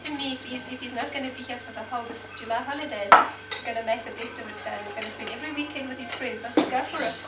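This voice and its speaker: A woman's voice: fairly high pitch, very fast, distant mic. A woman chatting casually and teasingly at home on an old family video. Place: indoors at a family home, kitchen. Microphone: home camcorder microphone. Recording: noisy old VHS tape, echoey room.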